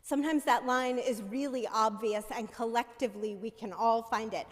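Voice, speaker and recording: A woman minister, her voice a little high with fairly even intonation, preaches a sermon through a pulpit microphone in a church sanctuary. She speaks in a measured, conversational way, often asking the congregation "right?" The recording has the long reverb of a church hall.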